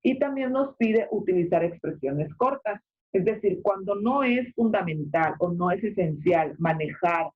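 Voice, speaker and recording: A secondary school teacher gives an online class lecture, explaining step by step and often filling pauses with "este" and checking in with "¿ok?". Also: medium pitch, expressive. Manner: explanatory, frequent filler "este" and check-ins like "¿ok?". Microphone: video call. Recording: muffled video-call audio.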